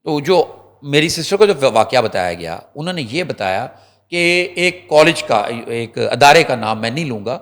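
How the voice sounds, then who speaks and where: A man at an ordinary pitch talks as a guest journalist on a talk show. He tells his story in a lively, rambling way, full of restarts and asides to the viewers. He often slips into the voices of the people he is quoting. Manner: animated storyteller, acts out quotes; restarts and fillers, addresses viewers directly. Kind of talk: conversational talk show commentary.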